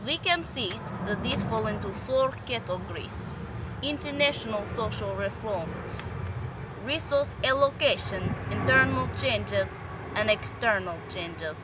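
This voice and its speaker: A woman trying out a put-on Russian accent, slowly reading a formal economics note aloud, with traffic noise behind. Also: on the high side, animated. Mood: formal recital. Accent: attempted Russian.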